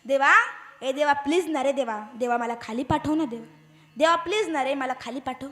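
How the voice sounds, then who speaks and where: A woman's voice: high-pitched, moderate pace, fairly bright tone, voice pushed down. A woman playing a rich old man who begs God to send him back to earth, in a whining, pleading voice. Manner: begging, whining.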